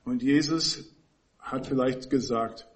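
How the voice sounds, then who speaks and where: A man giving an expository Bible teaching, explaining the text in a measured way and stressing key words with pauses. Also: mid-range voice, fairly even intonation.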